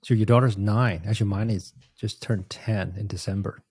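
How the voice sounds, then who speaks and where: Low-voiced man hosting a podcast. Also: steady tone, moderate pace, darkish tone, breathy edge. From Taiwan. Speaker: podcast host. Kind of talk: casual interview.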